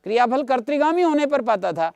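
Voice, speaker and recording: A man lecturing on grammar in a high, smooth, clear voice with a gravelly edge. He explains patiently, goes over each point more than once and stops to check whether his students follow. The sound is dry and close. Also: big pitch swings, fairly quick, a little mellow, dry recording. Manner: patient, repeats points, checks understanding with listeners. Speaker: Sanskrit grammar teacher. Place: online video class.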